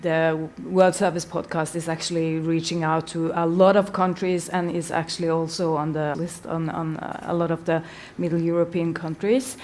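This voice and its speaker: A woman's voice: sits low, level tone, moderate pace, darkish tone. A woman, a podcast host earnestly answering audience questions at a live event.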